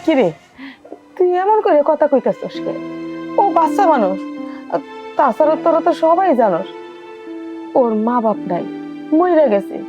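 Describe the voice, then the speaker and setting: A woman's voice: high-pitched, very animated, normal speed, pauses often, dull audio, over music. A woman playing a stern, protective grandmother. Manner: scolding, pleading. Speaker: grandmother in a family drama. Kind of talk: television drama acting.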